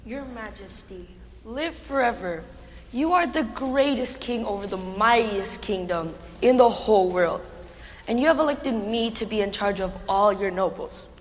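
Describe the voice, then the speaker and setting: A woman playing a scheming, flattering male royal official in an amateur stage play, persuasive in tone. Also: medium pitch, unhurried. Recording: long hall reverb.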